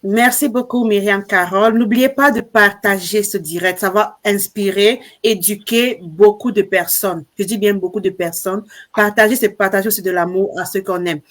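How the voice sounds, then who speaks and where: A woman's voice: medium pitch, steady tone, moderate pace, hardly any pauses. A woman hosting a live online panel, talking in an emphatic, repetitive way. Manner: warm, emphatic, repeats herself. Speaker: host of a live stream. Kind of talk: hosting a group live stream.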